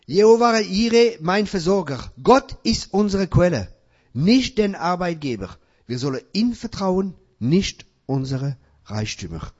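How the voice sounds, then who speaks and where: A male preacher delivering a sermon in non-native German. He reads scripture and asks his congregation questions, then answers them himself, rising to loud emphatic peaks. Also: high voice, very animated, a little slow, breathy edge. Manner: loud emphatic peaks between quieter passages. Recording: dull lo-fi recording.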